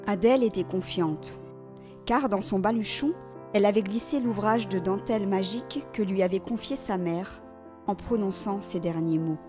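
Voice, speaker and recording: A woman reading a children's storybook aloud in a gentle, measured, expressive way. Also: medium pitch, over music.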